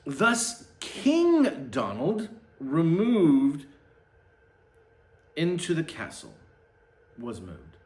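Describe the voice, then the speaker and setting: A sarcastic man hosts a satirical read-aloud of a children's book, telling it with mock drama and casual, muttered mocking asides. His voice is a little high and darkish, swooping wildly in pitch, very slow with long pauses. The recording is roomy and echoing.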